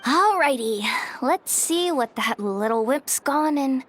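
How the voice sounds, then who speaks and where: Acting in a video game, a woman voices a breezy, self-assured, streetwise young woman who talks in a casual, teasing, slangy way. Her high voice has lively intonation and a slow pace, the mood teasing and laid-back, with soft background music.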